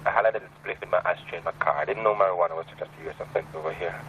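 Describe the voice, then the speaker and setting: A man's voice: sits low, very fast, a little hiss or hum, natural voice. An actor playing a young man calling his girlfriend from jail, sheepish and apologetic. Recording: tinny phone line in film audio.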